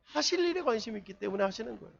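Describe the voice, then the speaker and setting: High, lively male youth preacher. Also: very fast, gravelly, slight background noise. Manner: peppers listeners with rhetorical questions. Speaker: youth pastor. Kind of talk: youth group sermon. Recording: dull lo-fi sermon recording.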